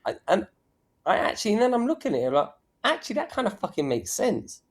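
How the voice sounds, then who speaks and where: A man chatting on a podcast, excitable and swearing, stumbling over his words. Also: high-pitched, fast talker. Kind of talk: casual chat.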